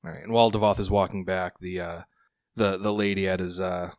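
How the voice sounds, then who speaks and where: A man narrating a tabletop game as game master in casual, halting, improvised phrases. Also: low voice, fairly even intonation, no echo, studio quality.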